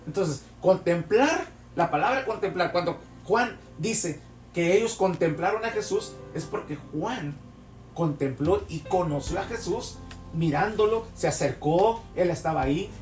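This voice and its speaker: A man's voice: sits high, animated, unhurried. A man preaching a sermon, telling vivid stories and asking rhetorical questions. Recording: echoey hall, distant mic, soft music.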